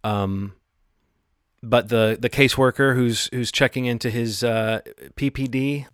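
A man's voice: medium pitch, fairly even intonation, measured pace, fairly bright tone, clear, resonant tone, dry recording, studio quality. A man co-hosting a casual television recap podcast, talking in an analytical, thoughtful way with occasional laughs. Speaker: podcast co-host.

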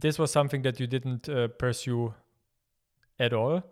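A man hosting a podcast, asking questions in a casual, halting way with repeated words. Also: medium pitch, steady tone, darkish tone. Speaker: podcast host. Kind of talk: casual interview.

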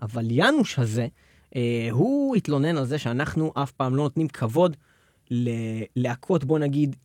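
Lively joking male radio host. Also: medium pitch, dry recording, clean studio sound. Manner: playful, teasing, repeats words for laughs.

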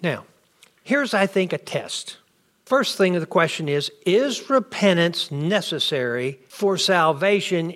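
A man's voice: sits high, fairly bright tone. A man teaching a bible class, firing off questions and answering them himself. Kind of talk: interactive bible class lecture.

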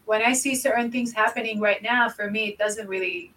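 A woman from Lebanon talks business on a podcast in a lively, casual way, often repeating words for emphasis. Her voice sits a bit high, and she sounds a little distant from the microphone. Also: brisk. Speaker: podcast co-host.

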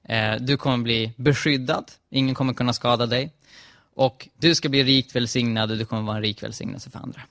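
Calm, authoritative voice of Jesus, read by a male preacher, softer and lower. Slightly gravelly. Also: dry recording, studio quality.

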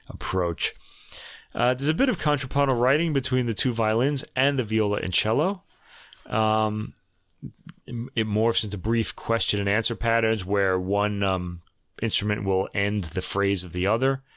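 A man's voice: fairly low pitch, fairly bright tone, no echo, studio quality. A man with a New York accent talking through a string quartet movement by movement, in a conversational way with frequent fillers and restarts. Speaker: music review podcast host. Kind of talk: casual music commentary.

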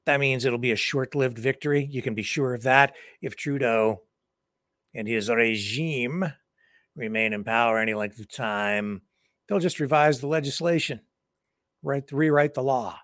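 A man's voice: medium pitch, moderate pace, fairly bright tone, no room sound, clean studio sound. A man hosting an online news show, talking casually and sardonically to his viewers. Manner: chatty, sardonic, asides to viewers. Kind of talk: casual opinion commentary.

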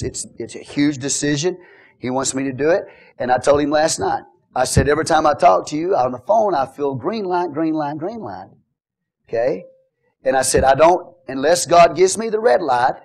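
A middle-aged pastor preaches a sermon, telling jokes and swinging between quiet asides and loud exhortation. His voice is on the high side.

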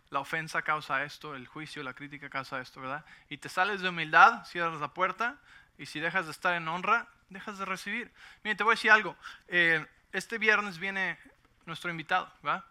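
High, bright-voiced man preaching. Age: middle-aged. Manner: conversational, asks for agreement often. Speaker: pastor. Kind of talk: sermon.

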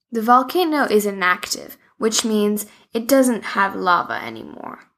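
A woman reading a children's story aloud in a gentle, expressive way. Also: mid-range voice.

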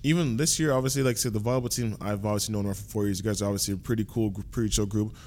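A man's voice: lowish voice, fairly even intonation, racing, over loud music. A man in his early twenties hosting a casual podcast interview, chatty and full of fillers like "obviously.". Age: 20s. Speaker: podcast host, athlete.

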